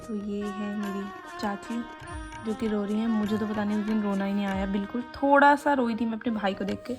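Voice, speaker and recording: A woman's voice: medium pitch, fairly even intonation, brisk. A young woman from Uttarakhand, India, rambling casually and laughing a little as she narrates her wedding photos in a vlog voice-over. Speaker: vlogger. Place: voice-over, not recorded at the pictured wedding. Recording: voice with clear background music.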